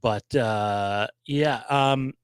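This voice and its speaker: A man hosting a live stream in casual chat, his voice nasal and hoarse from a cold, talking haltingly with many ums and restarts. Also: medium pitch, dry recording. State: losing his voice. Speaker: livestream host.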